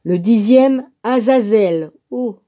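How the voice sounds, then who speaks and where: A woman reads a religious text aloud at a slow, casual pace, spelling out names letter by letter and adding her own comments. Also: on the high side, warm tone. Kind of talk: casual reading aloud with asides.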